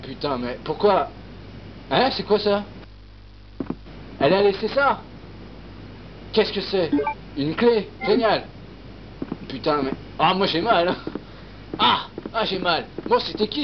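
A man's voice: high-pitched, lively intonation, slow pace, long pauses, background noise, full character voice. A man voicing a foul-mouthed, goofy young policeman in an amateur parody game dub, full of exclamations. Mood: excited. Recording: dull lo-fi dub under loud music.

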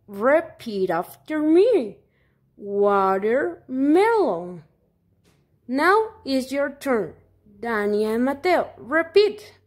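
A woman's voice: high-pitched, full character voice. A woman voicing a cheerful little puppet dog, teaching toddlers simple words with encouraging repetition, as in a children's lesson. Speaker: preschool English teacher.

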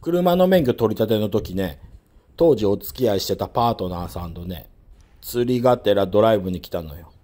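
A man talking casually while fishing outdoors from a lakeside pier, speaking in a soft, feminine manner, picked up by a worn action camera. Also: fairly low pitch, animated, brisk. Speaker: fishing vlogger.

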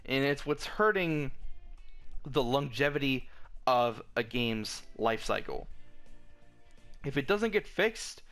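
A man's voice: mid-range voice, lively intonation, slow, long pauses, a bit bright. A man delivering a frustrated, profane rant about a video game, stumbling and restarting often, his voice cracking. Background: faint background music.

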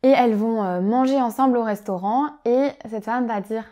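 A woman teaching French vocabulary in a clear, patient way, often pausing on "euh" and acting out example phrases with a lively tone. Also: a little high. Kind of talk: vocabulary lesson explaining phrases.

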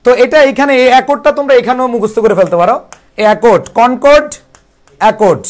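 High-voiced Bangladeshi man drilling vocabulary. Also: lively intonation, quick pace. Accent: Bangladeshi Bengali. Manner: drills words by repeating them over and over; addresses students as brother, coaxing and chatty. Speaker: English vocabulary teacher. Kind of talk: live online vocabulary class.

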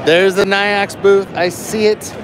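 A chatty, easily excited man gives live walkthrough commentary as he strolls an expo floor. His voice sits a little high. Steady background noise from the busy hall runs underneath everything. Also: slow pace. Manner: excitable, chatty, lots of "so" and "cool". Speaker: vlog host.

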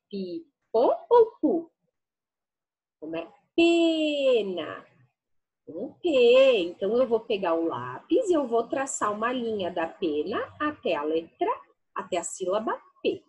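A woman teacher giving a lesson to young children, sounding out syllables slowly and coaxingly. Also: fairly high pitch, darkish tone, slightly rough. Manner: slow, sing-song sounding out of syllables; affectionate, coaxing.

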